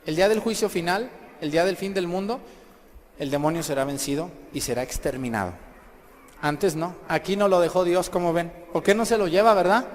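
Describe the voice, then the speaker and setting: Priest preaching in an echoing church. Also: male voice, high voice, fairly quick, a little hiss or hum. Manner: questioning the congregation, emphatic. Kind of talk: sermon. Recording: echoey hall, faint background ambience.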